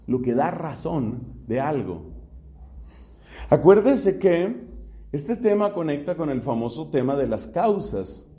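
Colombian friar lecturing on philosophy, keeps repeating his questions, voice sits a bit high. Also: dark tone. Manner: emphatic, repeats key questions and phrases.

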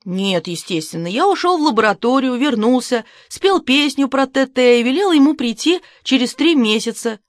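A woman's voice: sits high, animated, moderate pace, few pauses, dry recording, studio quality. A woman voicing a smug, sarcastic male lab doctor in an audiobook, with a mocking, self-assured manner.

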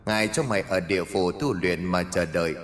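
Man voicing a calm older exorcist master in an audio ghost story, low voice. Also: brisk, lightly acted.

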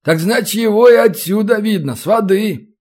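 A man voicing a hot-tempered, grumbling man who blusters and shouts. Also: sits high, moderate pace, pitched above the performer's own voice. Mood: gruff.

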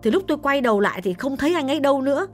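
Brief: a man playing a shrill, fast-talking elderly woman, insistent and easily alarmed, storybook reading, pitch leaping high and low. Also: expressive, fairly bright tone, faint music behind. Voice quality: shrill, rapid, emphatic. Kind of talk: audiobook storytelling.

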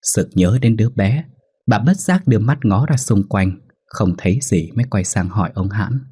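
Low, husky male ghost-story narrator. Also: lively intonation, dark tone. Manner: measured, somber narration.

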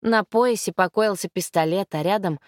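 A woman narrating a crime novel chapter in an even, steady storytelling voice, recorded dry. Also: medium pitch, normal speed, no echo. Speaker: audiobook narrator.

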